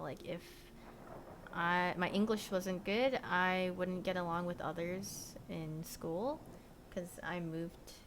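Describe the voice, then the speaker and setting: Filled with "like" and "you know," the casual, rambling talk of a young Korean-born woman streaming from her bedroom often fades off softly. Her pitch is fairly low, and a little hiss or hum runs under the recording.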